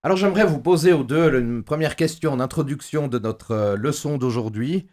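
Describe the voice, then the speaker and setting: A man's voice: fairly high pitch, brisk, darkish tone. A man hosting a Bible study discussion, talking with frequent hesitations and filler sounds. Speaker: host.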